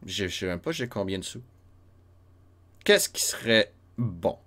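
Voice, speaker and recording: A man's voice: lowish voice, big pitch swings, a little slow, a bit bright. A man with a Quebec French accent giving casual, chatty commentary while playing an old role-playing game, laughing often and talking to his chat. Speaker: streamer playing a retro RPG. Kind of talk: casual let's-play commentary.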